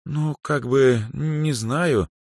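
A man voicing a shy but proud young dark elf girl in an audiobook, talking hesitantly, then haughtily, in a much higher voice. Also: drawn-out words, no room sound, studio quality.

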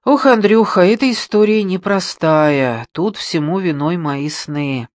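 A man playing a bitter, short-tempered man who shouts in anger. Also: high-pitched, a little slow, no room sound. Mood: agitated. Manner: loud, shouting, gruff.

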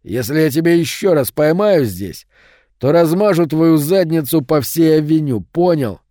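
A man voicing a hulking teenage bully who drawls slow, loud, mocking threats. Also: fairly high pitch, animated, no room sound, studio quality, voice pushed up, close to an everyday voice. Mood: menacing.

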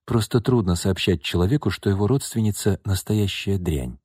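A man voicing a quiet, composed young heiress. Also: fairly low pitch, normal speed, breathy edge, no room sound, clean studio sound. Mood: calm. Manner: quiet, calm and even.

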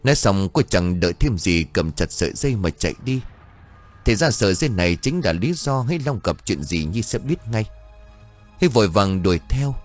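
A man reads a dramatic story aloud, with a deep voice that has a husky grain. His delivery rises and falls widely to carry each scene. Soft music plays faintly behind him. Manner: expressive storytelling. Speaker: audiobook narrator.

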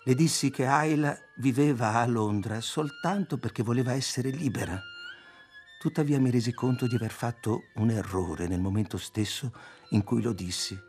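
A man reading a novel aloud as the narrator, in a measured, even delivery. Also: mid-range voice, soft background music. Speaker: audiobook reader. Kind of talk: scripted literary narration.

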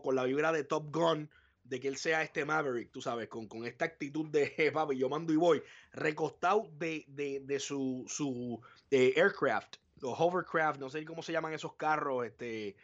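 A man co-hosting a live podcast, animated and profane, acting out his reactions. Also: on the high side, muffled recording. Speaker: podcast co-host. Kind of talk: casual live podcast chat.

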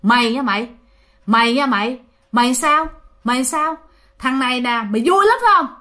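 Brief: woman acting a possessed man, high-pitched, loud, menacing ghost-story spirit. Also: expressive, a little fast. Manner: shouting, menacing threats. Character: possessed father, a furious vengeful spirit.

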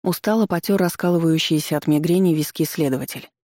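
An audiobook reader narrating a comic story in a lively, wry storytelling manner. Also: medium pitch, fast, no room sound, clean studio sound.

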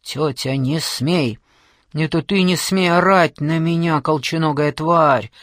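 A man's voice: a little high, takes it slowly, fairly bright tone, no room sound, clean studio sound. A man reading an audiobook, voicing a young wife who cries out and pleads with her family. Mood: desperate. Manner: crying out, pleading.

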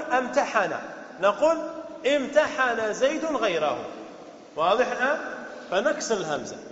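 High-voiced man teaching in an echoey hall. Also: a bit bright. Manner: asks the class questions, repeats key words. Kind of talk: Arabic grammar lesson. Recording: dull echoey hall recording.

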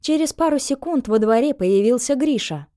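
A woman narrating an audiobook in a calm, even storytelling voice. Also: high-pitched, moderate pace.

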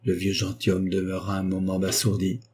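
Mellow, husky male audiobook narrator. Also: sits low, completely flat delivery, fairly quick. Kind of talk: scripted narration.

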